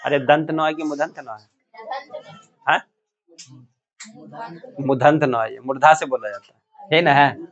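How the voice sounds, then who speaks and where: A man's voice: a little high, a bit bright. A male teacher giving a classroom lesson, asking students questions and repeating the answers. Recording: muffled lo-fi classroom recording.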